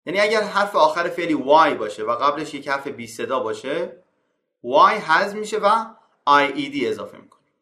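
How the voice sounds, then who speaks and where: Man teaching English grammar, lively voice. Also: echoey room. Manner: reads English rules slowly, then explains them in colloquial Persian; calls out example verbs on a higher note. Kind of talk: slide-based grammar lesson.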